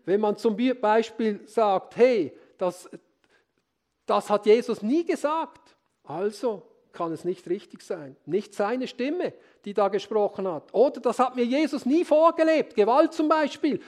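A man with a notably high voice delivers a sermon in a calm, earnest way. He speaks as a preacher and keeps drawing his listeners in with brief rhetorical questions. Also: normal speed, hardly any pauses.

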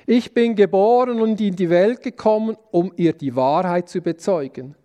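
A calm, dignified prophet, voiced by a man in a sermon's Bible reading. The voice sits low and quiet, and it is unhurried and steady. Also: lightly acted. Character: calm, dignified man claiming a heavenly kingdom.

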